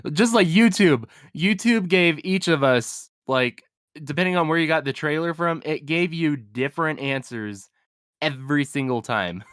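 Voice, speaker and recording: A man's voice: on the high side, a little slow, a bit bright, clean tone, dry recording, studio quality. A young man hosting a casual podcast chat, laughing often and putting questions to the panel. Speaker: podcast host.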